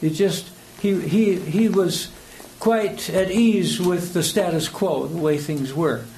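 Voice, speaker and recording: Speaking slowly in a high, slightly mellow voice, this older American man delivers a rambling, hesitant sermon built on personal stories, with chuckles between phrases. The recording is low-quality and has clear background noise.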